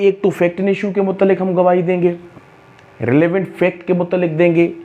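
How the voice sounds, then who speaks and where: A man with a Pakistani accent gives a law lecture, reading out provisions and explaining them deliberately while repeating key phrases. His voice sits high with a darkish tone, and the highs in the audio are cut off.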